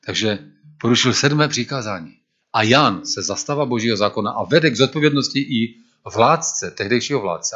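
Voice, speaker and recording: A man with a fairly low voice preaches a sermon in an earnest tone. He rises to emphatic declamation whenever he quotes scripture. The sound is a little dull and lo-fi. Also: sharp tone.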